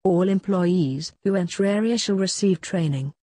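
A narrator reading workplace safety bullet points aloud in a steady, list-like way. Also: medium pitch, moderate pace, no echo, studio quality. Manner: even, list-like delivery of short phrases. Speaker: safety instructor.

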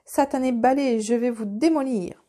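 A woman reading aloud and voicing an impulsive young boy who is a wizard's apprentice, talking high and eager. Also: brisk. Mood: shouting. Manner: high, excited and pleading.

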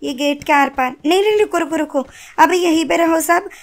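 Casting: high-pitched, excitable woman gamer calling orders to her squad, loud gunfire behind. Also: gravelly. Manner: excitable, swears, barks quick orders to teammates. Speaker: gaming channel host. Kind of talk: live mobile gameplay commentary with squad chat. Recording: constant gunfire and game noise behind.

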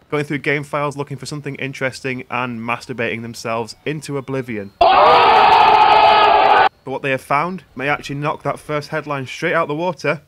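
A British man doing sarcastic, mock-serious parody news anchor commentary for a gaming channel. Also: a little high. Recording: gunfire and game noise behind voice. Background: video game gunfire.

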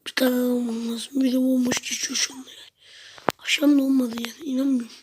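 A woman with a high voice that stays on a narrow, even line talks her way through a video game for her viewers, muttering to herself and now and then bursting out loudly. Faint noise and clicking sit behind her. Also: brisk. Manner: chatty, talks to herself and viewers, sudden loud outbursts. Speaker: gameplay video host. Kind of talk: casual gameplay commentary.

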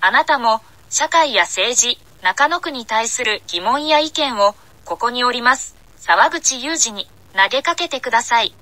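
A woman making an election loudspeaker announcement, addressing passers-by deliberately, phrase by phrase. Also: fairly high pitch, lively intonation, no echo. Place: outdoor paved city plaza.

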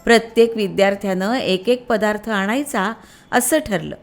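A woman narrating a storybook tale for children in a slow, expressive storytelling manner. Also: medium pitch, soft background music.

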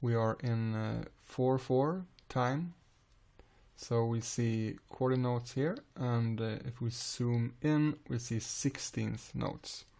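A man with a Swedish accent calmly walks through music software in a screen-recorded tutorial. His voice is medium-pitched with vocal fry, and his unhurried explanations are broken up by frequent "uh" pauses.

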